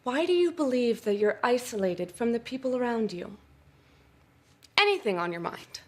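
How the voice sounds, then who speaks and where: A woman's voice: fairly high pitch, very animated, moderate pace. An actress playing an inexperienced woman therapist leading a support group, with earnest, probing questions. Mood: coaxing.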